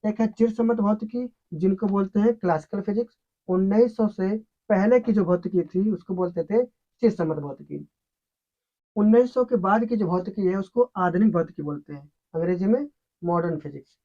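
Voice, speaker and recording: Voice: mid-range voice, normal speed. A teacher giving an explanatory science lesson who asks questions, answers them, and repeats the key terms. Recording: dull, lo-fi recording.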